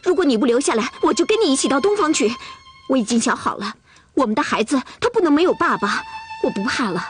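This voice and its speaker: A woman's voice: sits high, big pitch swings, fast, faint music behind. An actress playing a headstrong, lovesick young Russian woman in a period TV drama, insistent and pleading. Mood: earnest. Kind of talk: television period drama acting.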